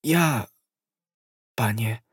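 A man's voice: a little high, unhurried, breathy edge, no room sound, studio quality, voice pushed up. A man voicing a loving, frightened young woman who is dying of poison, with a breathless, pleading delivery.

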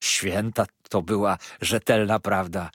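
A kindly old bedridden man, worn down by rheumatism, murmurs his fond, plaintive complaints, as a male narrator puts him on. The voice is low and husky. It is recorded dry and close. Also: steady tone, a little slow, a bit bright, no echo.

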